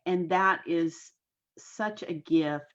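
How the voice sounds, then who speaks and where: A woman in her sixties, a guest on an online interview, talking in an earnest, measured and folksy way. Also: lowish voice, dull audio. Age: 60s. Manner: folksy, homespun phrasing. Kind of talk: casual interview talk. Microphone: video call.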